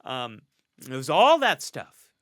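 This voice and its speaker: A man's voice: fairly high pitch, huge pitch swings, slow, a bit bright, no room sound, clean studio sound. A man, a clinical psychologist, telling a personal story in a candid interview. He speaks earnestly and reflectively, and laughs often between thoughts. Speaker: clinical psychologist, podcast guest.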